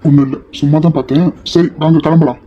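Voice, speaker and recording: Brief: woman as a gentle young husband, deep-pitched, quick and soft-spoken, dull lo-fi audio drama. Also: fairly even intonation, over loud music, close to an everyday voice. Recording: dull lo-fi recording.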